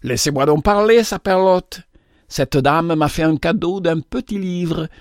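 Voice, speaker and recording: Guy doing a flustered young soldier, excited, protesting, kinda high. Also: a little slow, no echo, studio quality, natural voice.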